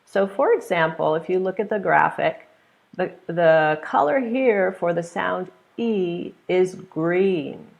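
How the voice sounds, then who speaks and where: A middle-aged woman from California with a standard American accent, teaching a pronunciation webinar in clear, simple, encouraging explanations. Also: on the low side, lively intonation, slow pace, darkish tone. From California, United States. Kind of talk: webinar lesson, explaining to students. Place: small plain room indoors. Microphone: earphone headset on a webcam video call.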